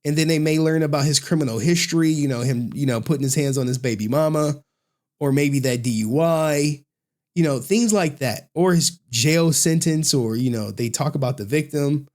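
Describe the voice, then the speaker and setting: An American man giving casual, mocking commentary, animated and often repeating phrases for emphasis. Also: fairly high pitch, normal speed. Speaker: online commentator.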